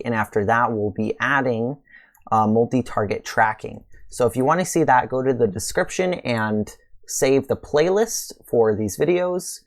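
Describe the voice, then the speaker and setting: A man hosting a screen-recorded coding tutorial, talking casually through each step, his voice a little worn. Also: mid-range voice. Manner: casual, relaxed walkthrough with fillers and pleased exclamations. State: slightly losing his voice. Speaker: tutorial host.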